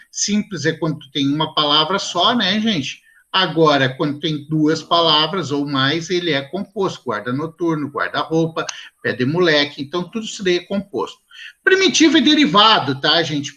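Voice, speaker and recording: A man's voice: on the high side, pushed and bright. A Brazilian man teaching a Portuguese exam review class online, who explains patiently and keeps checking in with his students.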